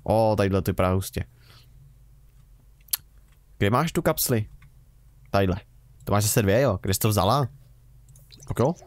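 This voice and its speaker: Chatty low-voiced man narrating gameplay. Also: expressive, pauses often, dry recording. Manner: chatty, rambling, wry self-mocking remarks. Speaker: Let's Play host. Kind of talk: casual gameplay commentary.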